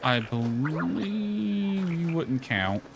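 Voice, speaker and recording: In a noisy setting, a man streaming a game talks to himself, mildly exasperated, as he comments casually live. His voice is a little high, with big swings in pitch and drawn-out words.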